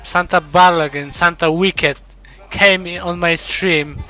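Male live streamer, casual chat, slightly high and bright tone, grateful and excited, stumbles and repeats words. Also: a little slow, soft background music, rough recording. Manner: warm, thankful, excited.

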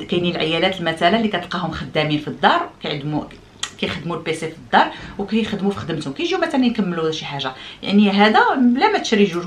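A woman's voice: on the low side, slight background noise. A middle-aged woman with a Moroccan accent, chatting casually to her viewers, explaining and demonstrating things with French words mixed in. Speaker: vlogger.

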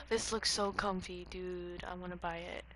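A woman doing casual gameplay commentary, thinking aloud into a cheap, breathy-sounding microphone. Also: on the low side, level tone, moderate pace, bright, forceful tone. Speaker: gaming video host. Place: bedroom, lying in bed. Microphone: cheap, poor-quality microphone. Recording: noisy cheap mic, breathing audible.

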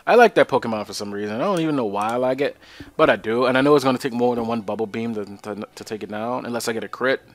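A man's voice: medium pitch, fast talker. A young man casually commentating a video game he plays, joking and talking to his viewers. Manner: joking, chatty, talks to viewers. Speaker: let's play host.

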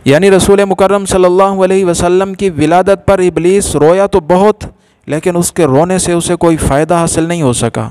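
Man, scripted religious narration, measured and formal, fairly high pitch, dry close-mic sound. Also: steady tone, a little mellow, clean tone, no echo.

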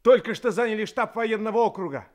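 Actor as a brisk, commanding young revolutionary, higher-pitched. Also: male voice, lightly acted. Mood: excited, cheerful. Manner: barking, peremptory orders. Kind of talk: radio drama acting.

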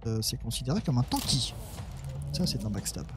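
A man chats his way through a turn-based strategy game, muttering orders at his units and poking fun at his own play. The tone is loose and offhand. Quiet game music plays beneath his voice. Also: mid-range voice, very animated, moderate pace. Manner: muttering, self-mocking, talks to his units. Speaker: let's play gamer. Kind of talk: casual gameplay commentary.

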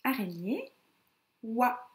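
Maîtresse animée à la voix aiguë, pièce résonante. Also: female voice, a little high, wildly swooping pitch, reverberant. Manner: slow, syllable-by-syllable counting with sing-song emphasis. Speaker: kindergarten teacher. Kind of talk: teaching young children.

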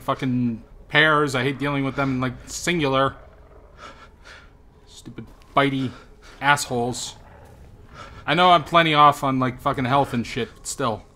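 A man hosting a horror game playthrough in a bright, sharp voice. He mutters and grumbles to himself, swears freely, and now and then bursts into a startled shout. A faint hiss sits behind him. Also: mid-range voice. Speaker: host. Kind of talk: profane gaming commentary.

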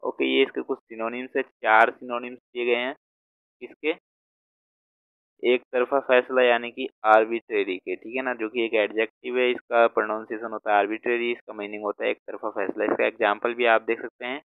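A man teaching vocabulary in a class, going slowly and repeating each word as he writes it out. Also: medium pitch, level tone, clear, resonant tone, no room sound. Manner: slow, repeats words while writing them out. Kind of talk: explaining word meanings in a class. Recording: tinny phone-like sound.

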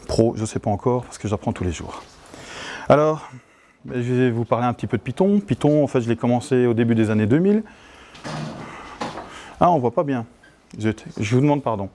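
A man's voice: mid-range voice, lively intonation, fairly quick, pauses often, dark tone, slight background noise. A middle-aged Belgian man with a Belgian French accent giving a conference talk, chatty and self-mocking. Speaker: conference speaker. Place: conference hall.

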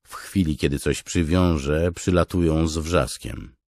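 A man's voice: very deep voice, steady tone, unhurried, darkish tone, no room sound, clean studio sound. A man reading a grim, blunt young soldier in an audiobook.

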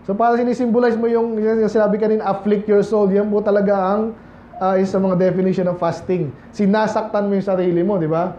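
A man's voice: high voice, little pitch movement, fast talker, mellow, slight background noise. A Filipino man preaching a casual, conversational sermon to his congregation, often asking them rhetorical questions. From Philippines. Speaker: pastor. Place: church sanctuary. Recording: echoey church hall, slightly dull sound.

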